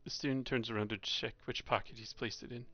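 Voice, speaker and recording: A man's voice: medium pitch, fast talker, dull audio, faint music behind. A man live-streaming, narrating a visual novel in second person between chatty asides. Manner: lively, laughs at his own slips.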